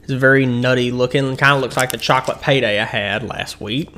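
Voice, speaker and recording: A man's voice: mid-range voice, fairly even intonation, a little fast, pushed and bright, a little hiss or hum. A man hosting his own candy-rating show, rambling casually through a review and chewing as he talks. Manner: rambling and chatty, with frequent restarts and ums; eating and chewing while he talks.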